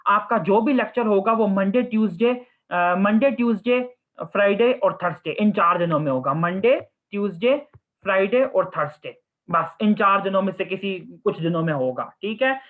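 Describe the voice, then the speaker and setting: Answering students' questions in a high-pitched voice, a young postgraduate surgery resident offers relaxed advice in Hindi-Urdu laced with English phrases. He refers to his audience as "children" and says "ठीक है" (okay) frequently, all captured on thin, phone-like audio.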